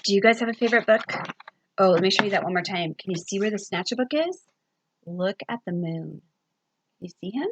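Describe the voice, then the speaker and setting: A woman librarian reading a picture book aloud to children, with expressive sing-song storytelling and questions to her young listeners. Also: medium pitch, brisk, long pauses, slight background noise, poor audio.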